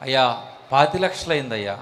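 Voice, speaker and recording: A man's voice: mid-range voice, lively intonation, fairly quick, a bit bright, a little hiss or hum, voice pushed down, natural voice. A man playing a meek male churchgoer who answers in a timid, deferential way.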